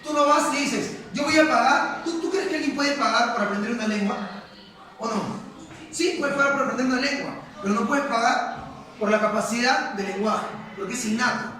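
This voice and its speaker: A man's voice: very high-pitched, normal speed, bright, forceful tone. Male teacher, lecturing and quizzing a class; distant mic in a roomy classroom. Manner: questioning, repeats points for emphasis. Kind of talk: classroom lecture with questions to students. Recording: echoey classroom from far off, students audible.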